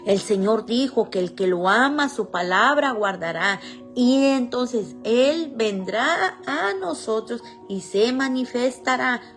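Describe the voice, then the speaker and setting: A woman's voice: fairly high pitch, lively intonation, slow, soft background music. A woman preaching an earnest sermon, telling her own testimony and reading scripture aloud.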